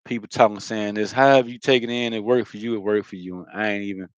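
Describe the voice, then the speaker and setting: A man's voice: on the low side, steady tone, fast talker, clean tone, dry recording, lo-fi sound. A man giving a loose, profane spiritual monologue, talking casually with lots of fillers. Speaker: spiritual vlogger.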